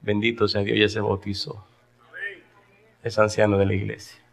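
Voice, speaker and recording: Animated storytelling pastor, man. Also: on the low side, moderate pace, gravelly. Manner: animated storytelling, asks the audience questions. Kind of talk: sermon.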